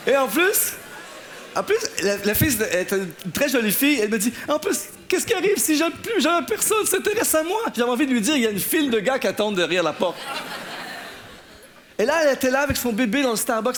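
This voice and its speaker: Man, pastor, very high voice, sermon, lively storytelling. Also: a little hiss or hum. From Canada. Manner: animated storytelling, acting out the people in his stories. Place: church in front of an audience, laughter heard.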